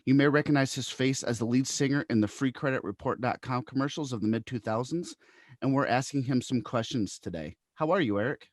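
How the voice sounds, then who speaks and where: A man's voice: medium pitch, a little fast, dry recording, studio quality. Easygoing male podcast host. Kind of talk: casual interview hosting.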